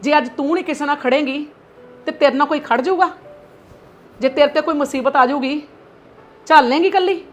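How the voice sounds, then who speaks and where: A woman's voice: medium pitch, moderate pace, long pauses, faint music behind, lightly acted. A middle-aged woman playing an aggrieved mother-in-law in a family drama skit, lamenting and scolding dramatically. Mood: stern reproach.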